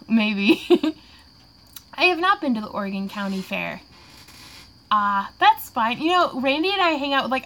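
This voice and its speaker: A giggly young woman with a lilt, slightly tipsy, rambles happily through viewer questions while she crafts. Her voice sits a bit high, and she laughs between sentences. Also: a bit bright. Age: 20s. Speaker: craft vlogger hosting a live Q&A. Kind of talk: casual livestream chat while crafting.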